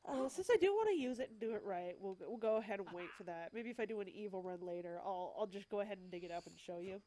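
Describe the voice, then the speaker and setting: A woman with a stuffy cold hosts a let's play, explaining the game as she goes and tossing in wry asides. Her mid-range voice is warm and animated, and she talks fast in this casual gameplay commentary.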